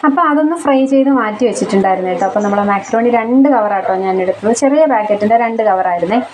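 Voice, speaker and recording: A young woman telling about her day at home in a cooking vlog. She chats in a homely way, and her voice is hoarse from a blocked throat. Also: mid-range voice, fast talker, darkish tone, a little hiss or hum, low-quality recording. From Kerala, India. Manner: chatty, homely storytelling with frequent tag questions. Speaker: cooking vlogger. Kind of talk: casual vlog voice-over. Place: home kitchen. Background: rain.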